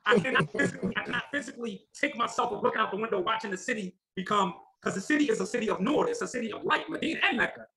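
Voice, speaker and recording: A man in a casual group chat about a pilgrimage, animated and repeating words as he gets excited. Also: high-pitched, very fast, vocal fry, hardly any pauses, a crowd in the background, low-quality recording. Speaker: podcast panelist.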